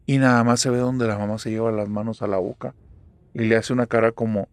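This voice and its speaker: A man narrating a horror tale in a relaxed, chatty way, turning to the listener with asides. His voice is gravelly, and the recording is dry and close. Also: on the low side, fairly quick, dry recording. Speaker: storyteller. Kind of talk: spoken horror storytelling.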